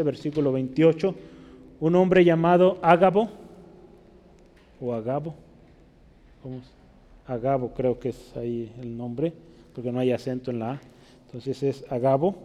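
A male pastor delivers a teaching sermon, his voice pitched a little high. He keeps checking in with the congregation through tag questions. The sound rings with the long reverb of a large church hall. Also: warm tone.

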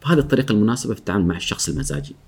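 A man, a guest speaker on workplace etiquette, talking in a lively way, acting out coworkers' lines and often laughing. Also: lowish voice, racing, breathy edge. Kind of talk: animated talk show chat.

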